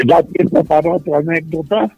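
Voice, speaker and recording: Gravelly, husky man telling jovial stories. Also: fairly high pitch, moderate pace, no echo. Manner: jovial, laughing storyteller. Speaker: interview guest. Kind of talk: anecdotal casual chat. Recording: muffled broadcast audio with music.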